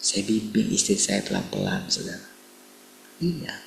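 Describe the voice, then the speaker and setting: Middle aged preacher guy, super gravelly creaky voice, lowish, keeps asking the congregation questions. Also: wildly swooping pitch, unhurried, a little hiss or hum, rough recording. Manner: rhetorical questions, addresses listeners as brothers and sisters. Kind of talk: sermon.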